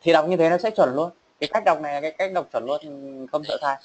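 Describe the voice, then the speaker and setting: A man teaching an online English class, repeating words slowly and checking that learners follow. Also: on the high side, muffled recording. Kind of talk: online class drilling pronunciation.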